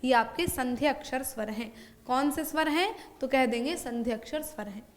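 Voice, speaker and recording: A young woman teacher with a high, light voice. She explains a grammar lesson step by step in a classroom way. She keeps asking a question and then answers it herself. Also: normal speed. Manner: asks and answers her own questions.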